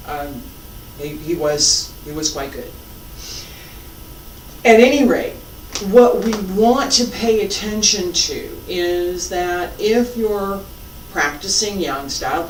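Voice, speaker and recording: Casting: mature tai chi teacher, slow calm cues, recorded from a distance in a reverberant room. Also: medium pitch. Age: middle-aged or older. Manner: calm, unhurried, sparse instructional phrasing. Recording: echoey room, distant mic, faint noise.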